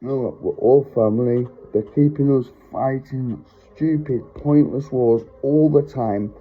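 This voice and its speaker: A man's voice: mid-range voice, a little slow. A middle-aged man giving an earnest, rambling preaching monologue into his phone, heartfelt and often stopping to apologize. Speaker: religious vlogger. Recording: tinny phone-line sound.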